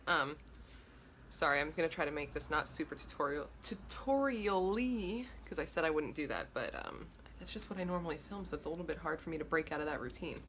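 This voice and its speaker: A woman in her late twenties with a low voice chats about her life while doing her makeup. She rambles and swears freely in an easygoing, candid way, recorded close to a camera in her bedroom, with a faint hum of room noise behind her. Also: a bit bright. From Los Angeles, USA. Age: 20s. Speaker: beauty vlogger. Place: bedroom, indoors. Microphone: camera in front at close range.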